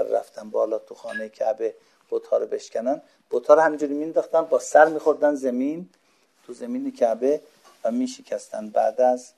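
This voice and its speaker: Gravelly-voiced man teaching a religious lesson. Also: medium pitch, a little mellow. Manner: explanatory, asks questions and answers them himself. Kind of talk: religious lecture explaining Arabic words.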